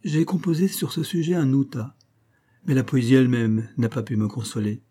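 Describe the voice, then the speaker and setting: A man's voice: medium pitch, animated, moderate pace, warm tone, close to an everyday voice. A man voicing a plaintive young princess. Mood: mannered. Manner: mannered, plaintive recitation. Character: young princess, delicate, coquettish and mournful.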